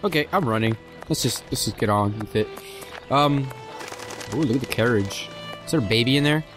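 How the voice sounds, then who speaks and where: A man's voice: mid-range voice, a little fast, over music. A young man giving casual, joking commentary as he plays a video game. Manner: joking, goofy, chatty. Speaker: let's play host.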